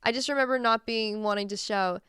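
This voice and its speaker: Very clear-voiced, chatty podcast co-host woman. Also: on the high side, brisk, fairly bright tone, dry recording, clean studio sound. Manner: chatty, rambling, laughs often. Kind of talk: casual chat. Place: Massachusetts.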